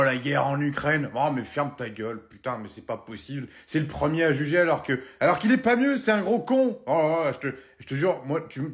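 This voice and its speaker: A man doing a comic sketch monologue and ranting in an exasperated, crude way. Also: medium pitch. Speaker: comedian.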